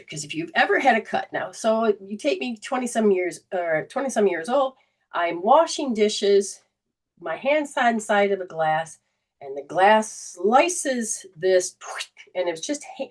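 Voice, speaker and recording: A woman soul coach telling a personal story in a coaching talk, animated and full of restarts. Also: medium pitch, recorded from a distance.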